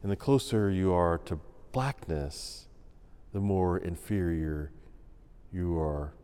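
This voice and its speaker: A man preaching a sermon as senior pastor, in a measured, emphatic way. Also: deep voice, dark tone, clean tone. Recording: long reverb of a large room.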